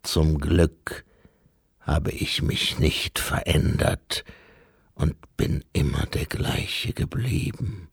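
A man voicing Death, a solemn, calm skeletal being, speaking slowly and in a hushed, grave way. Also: extremely low pitch, creaky, husky, no echo, studio quality, pitched below the performer's own voice, full character voice. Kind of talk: audiobook character voice.

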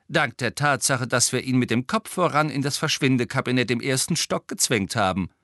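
A man's voice: medium pitch, a little fast, fairly bright tone, dry recording, studio quality, pitched above the performer's own voice, lightly acted. A man voicing a cool, teasing teenage boy prankster in an audiobook. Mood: cocky.

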